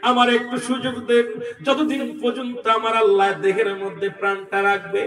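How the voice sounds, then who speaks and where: A man's voice: extremely high pitch, steady tone, a little fast. A preacher doing a wailing grieving holy man. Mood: pleading. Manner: wailing, sobbing, calling out. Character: grieving pious holy man mourning his mother. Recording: distant mic with music behind.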